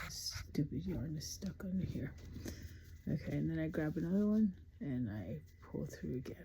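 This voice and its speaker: A woman's voice: deep voice, vocal fry, mellow, slightly rough. A middle-aged woman chatting casually at home late at night as she crochets, rambling and blunt and swearing freely. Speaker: crafting vlogger.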